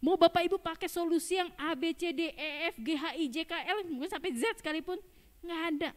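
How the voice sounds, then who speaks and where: A woman's voice: extremely high pitch, a little fast. A woman pastor giving a conversational sermon, often asking the congregation questions. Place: church hall. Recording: long church hall reverb.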